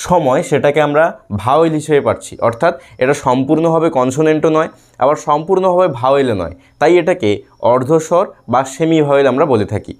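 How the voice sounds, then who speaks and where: A man teaching a grammar lesson, patiently repeating example words slowly, syllable by syllable. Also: fairly high pitch, darkish tone. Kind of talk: lesson for students.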